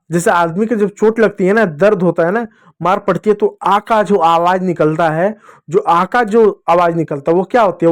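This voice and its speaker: A man teaching children to read Hindi, asking the class questions and slowly drilling each letter sound. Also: high voice. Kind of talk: children's Hindi reading lesson.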